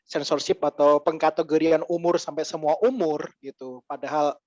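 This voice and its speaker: A man talking casually as a podcast guest, ranting with quick asides. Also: fairly high pitch, fairly even intonation, darkish tone, no room sound, dull audio. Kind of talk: casual chat.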